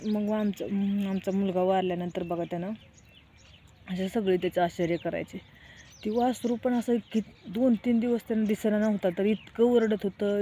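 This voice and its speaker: A woman's voice: mid-range voice, dark tone, slight background noise. A middle-aged woman, telling a story in a casual vlog. She speaks plainly and keeps turning to viewers with "look". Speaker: vlogger.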